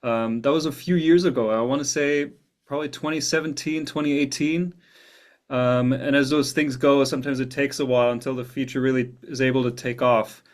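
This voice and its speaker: A man from Germany speaks in a steady, flat tone with little rise and fall. He is a composer talking about his craft in an interview and often repeats words while he gathers his thoughts. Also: mid-range voice, fairly quick. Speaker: film composer. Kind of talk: interview answers.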